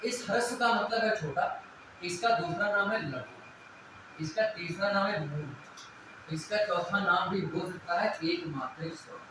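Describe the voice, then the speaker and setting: A man's voice: high voice, measured pace. A male teacher giving a classroom lecture, asking questions and answering them himself and repeating the key points. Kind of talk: classroom lecture on Hindi grammar. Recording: very echoey room with background noise.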